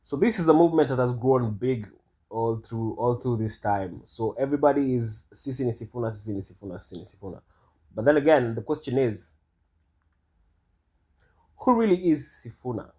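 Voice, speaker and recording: A man's voice: medium pitch, fairly quick, darkish tone. Rambling man. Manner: rambling, hesitant, many fillers and restarts. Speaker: vlogger. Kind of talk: casual monologue commentary.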